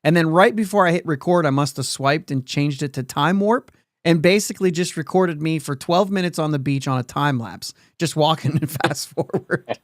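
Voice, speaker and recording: A man's voice: fairly high pitch, moderate pace, dry recording, clean studio sound. A man hosting a sports podcast in casual chat, rambling along and laughing often mid-sentence. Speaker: podcast host.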